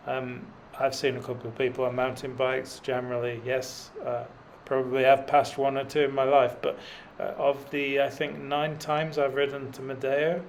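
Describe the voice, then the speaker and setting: A middle-aged cycling vlogger rambles in a dry, self-deprecating way, full of fillers, as he rides up a mountain road. His medium-pitched voice barely moves in pitch and comes at a normal speed with few pauses, over slight background noise.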